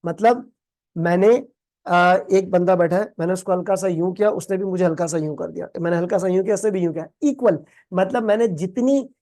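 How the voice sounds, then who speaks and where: A man teaches in a recorded exam-prep lecture. His voice is warm and mellow, and he mixes English terms into playful everyday examples. He keeps asking his students questions and repeating the answers back. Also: high-pitched, a little fast. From Pakistan. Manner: calls students "beta", quizzes them with call-and-response questions. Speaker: accounting tutor.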